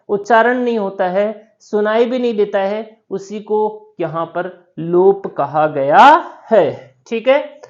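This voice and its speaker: A woman lectures on grammar at a slow, deliberate pace. She repeats key terms and poses questions to her students before answering them. The audio is somewhat dull and lo-fi. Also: mid-range voice. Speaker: Sanskrit grammar teacher. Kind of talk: classroom lecture.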